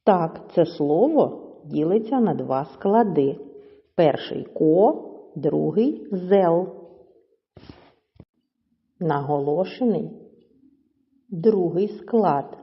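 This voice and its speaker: A woman's voice: on the low side, expressive, very slow, pauses often, big-room sound, highs cut off. A woman teaching young children, patiently stretching words out syllable by syllable.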